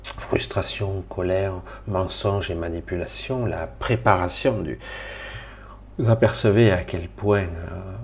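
A man's voice: deep voice, fairly even intonation, slow pace, gravelly. A middle-aged man from Marseille, rambling casually and colloquially to viewers of his spiritual live stream. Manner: rambling, colloquial, swears, talks to viewers directly.

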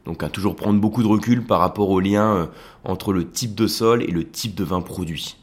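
A man with a somewhat low voice hosts an educational podcast alone. He explains things in a loose, conversational way and often pauses on fillers while thinking aloud. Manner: explanatory, hesitant with many fillers. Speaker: wine educator and podcast host. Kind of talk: casual educational podcast monologue.

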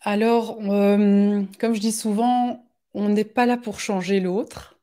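A woman's voice: mid-range voice, little pitch movement, slow pace, dark tone. A woman with a Belgian French accent, a guest explaining things in a chatty way with many hesitations and restarts. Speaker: guest speaker on animal guides and card readings. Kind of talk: casual live workshop talk.

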